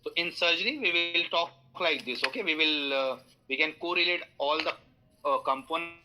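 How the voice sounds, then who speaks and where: A man with an Indian English accent lecturing online, his voice very bright and slightly high. He explains through everyday analogies, fills pauses with "uh" and "okay", and keeps inviting students to ask questions. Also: soft background music, rough recording. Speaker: instructor.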